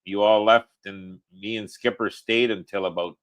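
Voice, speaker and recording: A man's voice: lowish voice, steady tone, moderate pace, fairly bright tone. A man co-hosting a casual livestream in an easygoing way, reading viewer comments aloud and chatting.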